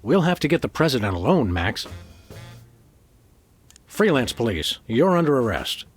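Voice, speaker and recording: Wry, animated cartoon dog detective. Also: male voice, mid-range voice, moderate pace, breathy edge, faint music behind. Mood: earnest resolve. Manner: deadpan, earnest, wry. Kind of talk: comic cartoon game acting.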